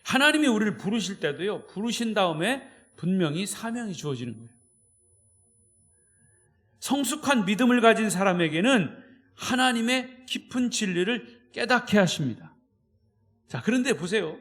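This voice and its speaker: A man's voice: sits high, big pitch swings, moderate pace, fairly bright tone. A male pastor preaching an evening sermon, emphatic and often checking in with his listeners.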